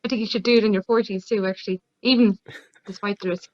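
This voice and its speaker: A woman's voice: medium pitch, steady tone, quick pace, dry recording. A woman hosting a literary interview, informally putting questions to a guest. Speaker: event host and interviewer. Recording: close, dull lo-fi audio.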